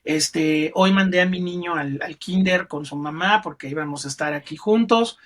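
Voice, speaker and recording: A man's voice: a little high, normal speed. A middle-aged man with a Mexican accent, a film critic talking as a guest in a podcast interview and telling stories expressively. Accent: Mexican Spanish. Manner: expressive storyteller who acts out quotes in other voices.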